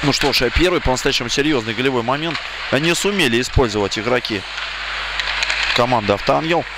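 A man giving live play-by-play commentary on an ice hockey match, speaking haltingly with pauses as he follows play. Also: medium pitch. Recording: loud rink noise behind the voice. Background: indoor ice rink noise.

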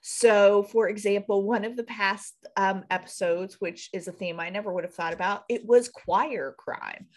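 A Nebraskan woman with a mid-range voice co-hosts a podcast over a webcam from a room at home, chatting casually and rambling. She speaks at a normal speed with fairly even intonation and barely pauses, often poking fun at herself and laughing at her own expense.

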